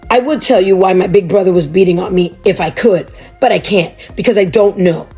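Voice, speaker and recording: A woman reads a chapter book aloud to young listeners, chatting with them between the pages. Her voice sits in a middle register and stays lively. Faint music plays softly behind her. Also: medium pitch, moderate pace, slightly rough. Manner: chatty, animated, talking to children. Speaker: children's book reader.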